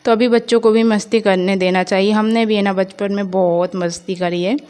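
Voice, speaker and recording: A woman's voice: medium pitch, steady tone, brisk, a little mellow, smooth. A young woman from India narrating her home vlog in a rambling, chatty way, full of fillers. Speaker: vlogger. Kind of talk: casual voice-over vlog narration.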